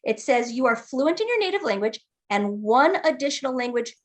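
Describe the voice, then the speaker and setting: A woman explains game rules as a game master, walking a player patiently through character creation and checking often that they're keeping up. She speaks a little fast in a high, sing-song voice.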